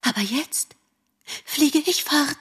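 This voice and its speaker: A woman voicing a vain, affected male butterfly in a storybook, talking high, airy and condescending. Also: lively intonation, takes it slowly.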